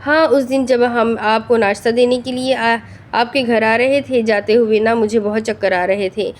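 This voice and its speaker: Tearful young pregnant wife, read by a woman narrator, pleading and hurt, rather high voice, audiobook storytelling. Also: steady tone, natural voice. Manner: pleading, upset.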